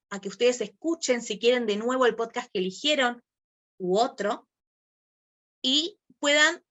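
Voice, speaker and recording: Woman, workshop instructor, bright clear tone, explanatory, rhetorical questions. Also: fairly high pitch. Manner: explanatory, asks rhetorical questions, acts out short examples. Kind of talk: online workshop lesson.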